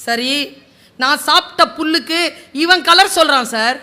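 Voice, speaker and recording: A woman's voice: high voice, moderate pace, pushed and bright. A woman voicing a stubborn, boastful male donkey who insists he is right. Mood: cocky. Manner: cocky, insistent.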